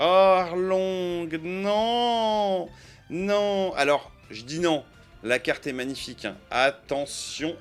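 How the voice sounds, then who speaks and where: A man's voice: medium pitch, a bit bright. A man giving chatty, playful commentary while opening trading card boosters, counting out cards and joking with his viewers. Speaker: card-opening video creator.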